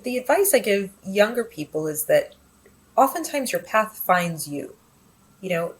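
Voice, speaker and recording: On a rough recording with a little hiss or hum, a woman with a lowish voice speaks as an interview guest. A business editor from Texas, USA, who grew up with Spanish at home, she's reflective in this conversational interview and frequently uses fillers and restarts.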